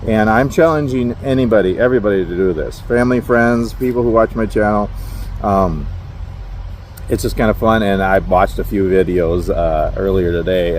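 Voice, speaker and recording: Parked at a rest area, a middle-aged Minnesotan trucker vlogs to camera in his Minnesota accent, his fairly low, darkish voice set against slight background noise. He rambles casually, pokes fun at himself and chuckles a lot.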